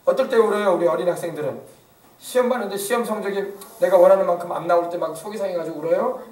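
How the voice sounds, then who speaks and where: A man's voice: sits high, quick pace, darkish tone. A male pastor preaching a sermon, emphatic and often asking the congregation questions. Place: church. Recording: echoey church from far off.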